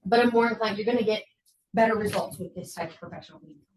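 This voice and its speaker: A woman presenting a faculty training talk, lively and acting out what students say, recorded in a college meeting room. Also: mid-range voice, very fast, a little hiss or hum. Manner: lively, acts out student quotes. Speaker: workshop presenter. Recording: roomy hall, far from mic.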